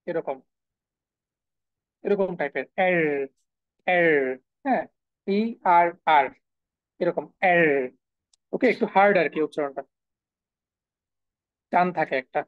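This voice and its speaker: Over a video call, a German language teacher runs a live online class, repeating each sound several times and answering her own questions. Her mid-range voice is a little mellow, and the recording is dry and muffled.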